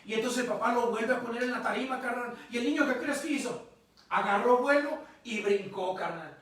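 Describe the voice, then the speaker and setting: Brief: man, lay preacher, lively storyteller, high voice, recorded far off in an echoey space. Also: brisk. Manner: animated storyteller, acts out father and child, calls listeners carnal. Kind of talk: storytelling sermon. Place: live-streamed show. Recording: echoey, distant from the mic.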